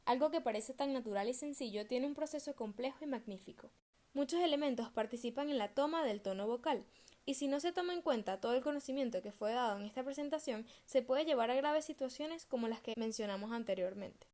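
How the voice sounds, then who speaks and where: A young woman reads her research presentation aloud, pronouncing each term with care. Her voice sits a little high, and the delivery is steady and studious. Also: a little fast. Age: young adult. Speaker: student presenter.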